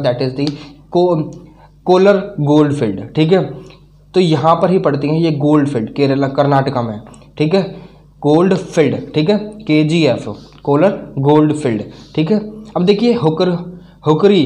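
A man from North India teaching a map lesson, halting over names and asking and answering his own questions. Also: on the high side, a little mellow. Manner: halting, repeats names, asks and answers himself.

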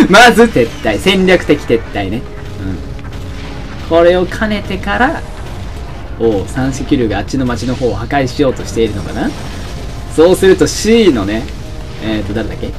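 A young man giving excitable let's-play commentary, often shouting and laughing at the action. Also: medium pitch. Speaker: game commentator.

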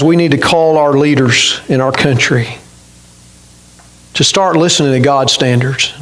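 A man's voice: a little high, a bit bright, low-quality recording. A middle-aged man preaching a sermon from a church pulpit, earnestly putting questions to his congregation. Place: church sanctuary, indoors, at a pulpit.

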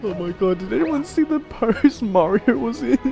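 A man chatting casually while playing a video game, excitable, laughing and swearing often. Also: very high voice, a little slow, vocal fry, soft background music. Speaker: gamer. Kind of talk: casual gameplay chat.

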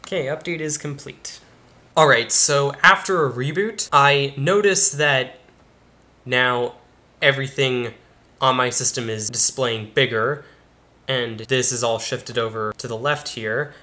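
A young tech-channel host speaks at a measured pace in a sharp, medium-pitched voice. He casually walks viewers through a computer install step by step in a screen-recorded tutorial, recorded in his bedroom studio with computer screens behind him.

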